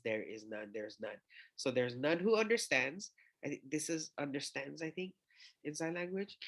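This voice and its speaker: A man's voice: a little high, fairly bright tone. A man casually walking through his memory tricks, rambling and thinking aloud with fillers and self-corrections. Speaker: scripture memorization teacher. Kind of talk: casual explanatory walkthrough.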